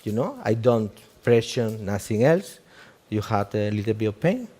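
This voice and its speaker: A Cuban man whose first language is Spanish, and whose accent shows it, runs a live doctor demonstration in halting English, tacking "okay?" onto almost every step. His pitch is fairly low, his delivery very animated, and his sound mellow.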